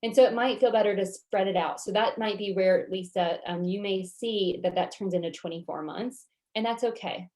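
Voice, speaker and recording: A woman's voice: medium pitch, normal speed, hardly any pauses, a little mellow. Encouraging woman with a Southern US accent. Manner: encouraging, conversational, reassuring. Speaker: goal-setting workshop coach. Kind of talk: casual workshop teaching, answering participant questions.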